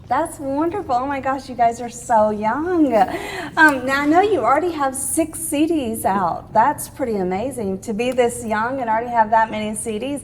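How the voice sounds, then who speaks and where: A woman hosting an interview show, warm and gushing with enthusiasm. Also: on the high side, normal speed, a little hiss or hum. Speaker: host.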